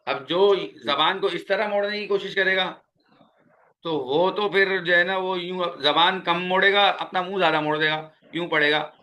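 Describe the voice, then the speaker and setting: In a small classroom with one student present, a man teaches Quran recitation through a spoken tajweed lesson. He is patient, going over every important sound slowly, and his voice is a touch high, bright, and forceful.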